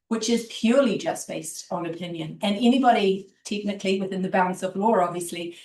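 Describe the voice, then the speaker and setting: A woman with a New Zealand accent gives a formal, earnest welcome speech in a measured way. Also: on the low side, a little mellow. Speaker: university vice president giving a welcome address. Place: indoor university event room with online audience. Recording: echoey room, distant microphone.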